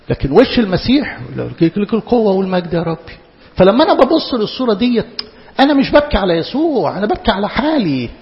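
A man with an Egyptian Arabic accent preaching a sermon in an impassioned, rhetorical way, firing questions at his listeners. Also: high-pitched. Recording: echoey hall, dull lo-fi sound.

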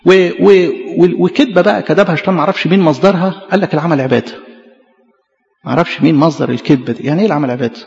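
A man with an Egyptian Arabic accent, a priest preaching a lively sermon full of rhetorical questions. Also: a little high, racing, creaky, in a large hall, muffled recording.

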